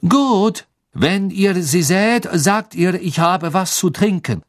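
Sullen young athlete, slow and gruff. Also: medium pitch, lively intonation, voice pushed up. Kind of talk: audiobook character voice.

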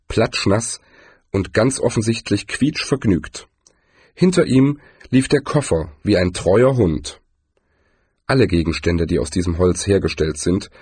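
A man narrating a humorous fantasy audiobook in an expressive storytelling manner. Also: lowish voice, slightly rough, no room sound. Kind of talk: scripted narration.

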